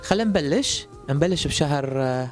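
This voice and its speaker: A man's voice: on the high side, expressive, fairly quick, soft background music. A man hosting a casual chat, playful and teasing with his guests. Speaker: host.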